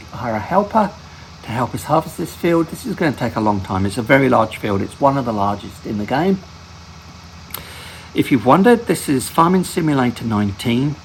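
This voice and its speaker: A man with a rough, gravelly voice at an ordinary pitch talks his way through a farming game as its host. He rambles in a relaxed way and often stops to correct himself mid-sentence. A faint hum of in-game engine noise sits under his voice. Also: poor audio. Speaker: gaming channel host. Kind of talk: relaxed gameplay commentary.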